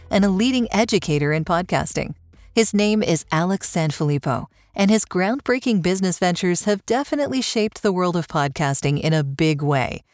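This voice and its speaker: A woman with a lowish voice hosts a podcast interview, recorded at studio quality with no room sound. She comes across as warm and appreciative, laughing easily and often.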